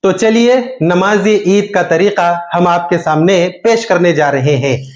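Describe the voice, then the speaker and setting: A man, patiently explaining step by step how to perform a prayer. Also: high-pitched. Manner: slow, patient explaining with drawn-out takbirs. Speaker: religious teacher.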